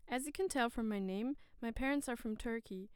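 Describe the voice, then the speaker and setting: Co-presenting a scripted dialogue about bilingualism, a German woman speaks in an articulate, formal, explanatory manner. Her fairly quick, high-leaning voice has a clean tone, and the studio sound is clean with no echo.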